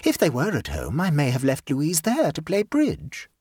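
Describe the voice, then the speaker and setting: A man's voice: fairly high pitch, wildly swooping pitch, normal speed, a little mellow, breathy edge, no room sound, clean studio sound, pitched above the performer's own voice, full character voice. A man doing a breezy absent-minded society lady. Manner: breezy, rambling. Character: absent-minded chattering society woman, cheerful.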